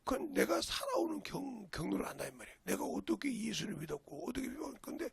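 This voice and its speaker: A man's voice: extremely high pitch, big pitch swings, quick pace, gravelly. An older man with a Jeolla Korean accent, a pastor preaching a folksy, storytelling sermon with sudden emphatic rises. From Jeolla region, Korea.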